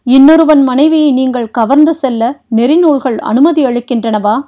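A woman's voice: high-pitched, moderate pace, highs cut off, lightly acted. A woman voicing a fiery, defiant young princess. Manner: sharp, forceful, defiant. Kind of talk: audiobook character reading.

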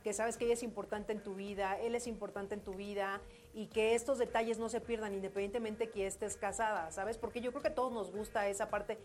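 A woman from Mexico hosting a live talk show, giving friendly advice and briskly announcing the breaks and the guest. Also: mid-range voice, steady tone, faint music behind. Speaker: radio show host.

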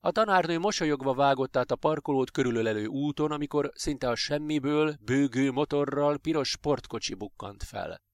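A steady male storyteller reading aloud in a dry recording. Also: mid-range voice, hardly any pauses, no echo. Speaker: narrator.

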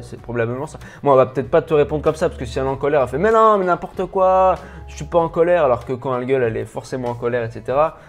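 A man's voice: mid-range voice, a little mellow. A man with a French accent gives an improvised video lesson, talking straight to the viewer informally, stammering and restarting often. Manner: stammering, many restarts and repetitions, rambling. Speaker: personal development coach.

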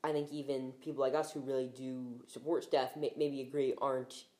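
A podcast host guides a relaxed basketball chat, asking questions in a mellow, rounded voice. The tone stays warm and unhurried. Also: mid-range voice. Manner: leading questions, steering the chat. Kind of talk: casual sports talk.

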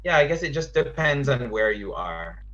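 A man's voice: mid-range voice, sing-song, normal speed, fairly bright tone. A man, speaking as a guest in a thoughtful conversation and often restarting his sentences. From Caribbean. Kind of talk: reflective conversation. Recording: dull lo-fi audio.

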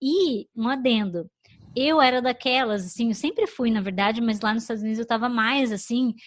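A young woman from Brazil, telling a personal story in casual chat, animated and quick to act out quoted lines. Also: fairly high pitch, no room sound, clean studio sound.

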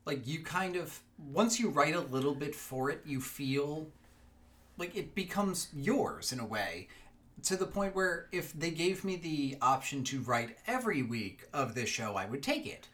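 Lively, chatty man co-hosting a podcast. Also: a little high, measured pace. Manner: lively, chatty, many fillers. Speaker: podcast co-host. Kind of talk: casual chat about a fiction podcast.

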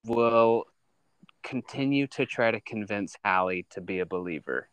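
A young man co-hosting a casual podcast, rambling excitedly with lots of fillers. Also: fairly low pitch, a little slow, clean tone, no echo, rough recording. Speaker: podcast co-host.

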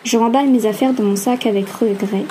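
A woman narrating a first-person novel aloud in an even, steady reading. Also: on the high side, a little fast, a little hiss or hum. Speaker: audiobook narrator.

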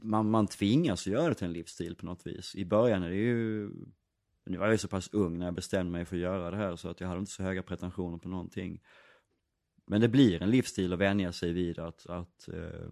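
A man talks through his answers with a very low, deep voice. He rambles thoughtfully, full of fillers and restarts. The sound is dry and close. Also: fairly even intonation, vocal fry, a little mellow, no echo. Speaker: actor and director. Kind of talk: casual interview answers.

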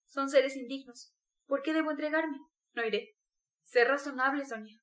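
A woman's voice: high-pitched, moderate pace, fairly bright tone. A woman reading the part of a brooding, tormented young male student in an intense, bitter confession. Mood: scornful.

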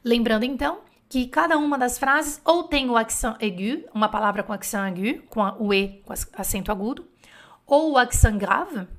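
A Portuguese-speaking woman with a slightly high voice leads a relaxed French lesson, going through a dictation. She talks in a chatty, encouraging way, thinking aloud and catching her own slips as she goes. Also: normal speed. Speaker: French teacher. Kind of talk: casual online lesson, correcting a dictation.

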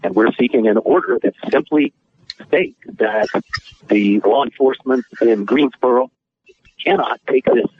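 Man over the phone, husky voice, tinny dry line, earnest, measured. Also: medium pitch, no echo. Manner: earnest, measured, frequent filler pauses. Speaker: attorney guest. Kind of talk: radio interview guest.

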